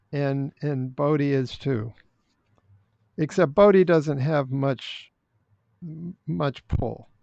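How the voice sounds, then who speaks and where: An older man speaking as a podcast guest in casual interview chat, blunt and opinionated, halting with restarts. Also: fairly high pitch, gravelly, darkish tone, no room sound. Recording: dry, dull lo-fi sound.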